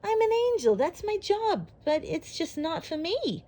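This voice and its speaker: A woman's voice: very high-pitched, sing-song, a little slow, warm tone, pitched above the performer's own voice, heavily acted. A woman voicing a fed-up angel who snaps and complains about her job. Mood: grumbling. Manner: snappy, complaining. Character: grumbling angel woman longing to rock.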